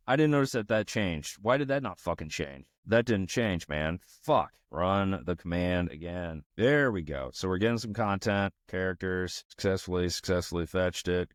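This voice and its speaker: A man's voice: fairly low pitch, no room sound, studio quality. A man talking casually while he codes on screen, frustrated and swearing at his tool as he goes. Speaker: podcast host coding on screen. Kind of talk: casual screen-share commentary while coding.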